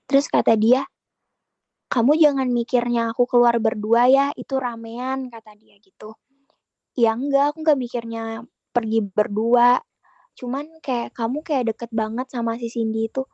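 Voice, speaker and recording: A young woman's warm, slightly high voice moves at a normal speed and steady tone as she tells a podcast host about her relationship, chatting away and reenacting both sides of the conversation. The recording is dry, with the highs cut off.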